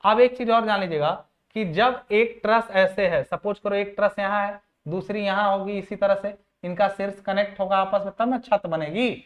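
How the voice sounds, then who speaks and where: A man's voice: sits high, normal speed, hardly any pauses. A man teaching civil engineering for exams, walking through diagrams in an informal way, asking rhetorical questions and repeating key points. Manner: informal, addresses viewers as friends. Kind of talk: exam-prep lecture explaining diagrams.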